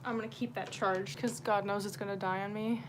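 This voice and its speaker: A woman hosts a livestream, talking casually and off the cuff to her viewers in a scattered, sweary way. Her voice is medium in pitch and steady in tone, and she speaks fairly quickly over some background noise.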